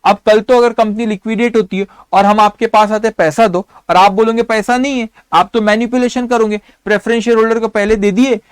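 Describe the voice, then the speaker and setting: A man's voice: high-pitched, smooth, no room sound, close to an everyday voice. A man voicing indignant complaining creditors. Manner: indignant, accusing, raised voice. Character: upset complaining creditors, adult men.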